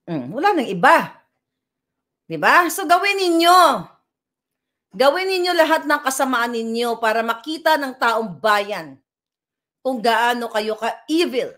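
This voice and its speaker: A woman's voice: a little high, very animated, measured pace, pauses often, fairly bright tone. A middle-aged woman, vlogging from home with heated political commentary, firing rhetorical questions and mixing English into her talk. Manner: combative, rhetorical questions, Taglish. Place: at home indoors.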